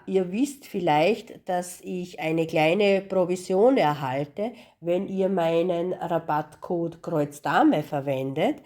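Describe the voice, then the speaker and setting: Hoarse woman with a cold, slow. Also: lowish voice, darkish tone. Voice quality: husky, congested. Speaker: cross-stitch channel host. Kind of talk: casual unboxing vlog.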